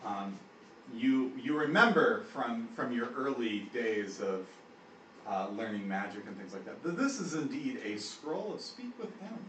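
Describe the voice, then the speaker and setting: A man narrating as game master of a tabletop game, animated and often laughing, recorded from far off in an echoey room. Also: mid-range voice, moderate pace, slight background noise.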